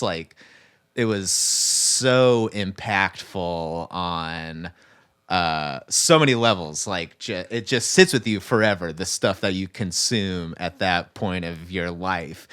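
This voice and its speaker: A man's voice: sits low, clear, resonant tone. A young adult man from Arkansas with a Southern accent, co-hosting a casual chat and talking loosely with lots of fillers. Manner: relaxed, filler-heavy talk. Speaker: co-host.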